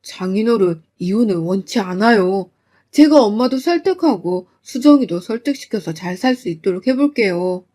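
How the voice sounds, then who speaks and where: A woman voicing a timid young husband who pleads meekly in a lowered voice. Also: lively intonation, normal speed, warm tone, natural voice. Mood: pleading. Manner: low, meek, pleading.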